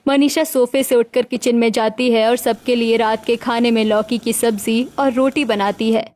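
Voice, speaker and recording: A woman narrating a cartoon story in a steady, plain way. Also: on the high side.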